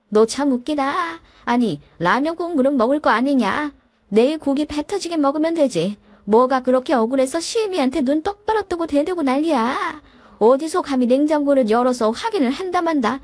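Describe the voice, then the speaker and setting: A woman's voice: high voice, animated, moderate pace, dry recording. Woman doing a scolding older mother-in-law. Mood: scornful. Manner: scornful, berating.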